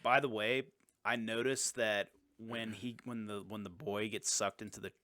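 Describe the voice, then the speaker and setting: A man co-hosting a podcast, casually recapping a film and dropping into quick silly impressions. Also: fairly low pitch, level tone, sharp tone. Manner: rambling, retells scenes with quick silly impressions. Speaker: podcast co-host. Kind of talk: casual movie recap chat.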